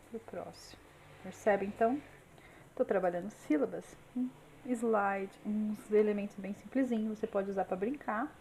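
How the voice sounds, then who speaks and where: A woman teaching a screen-recorded software tutorial in a chatty way, full of diminutives and check-ins with the viewer. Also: mid-range voice, slight background noise, poor audio.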